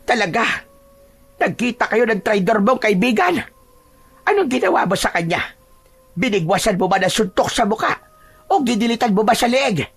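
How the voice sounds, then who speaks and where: A woman's voice: a little high, animated, normal speed, creaky, pauses often, slightly rough, exaggerated voice. A woman voicing a worried, vengeful older village woman in a narrated horror audio drama, speaking heatedly and with suspicion.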